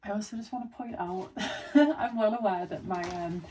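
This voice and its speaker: A woman's voice: medium pitch, normal speed, warm tone, slight background noise. A hungover woman content creator chatting casually to camera, telling a personal story in an informal, rambling, self-deprecating way.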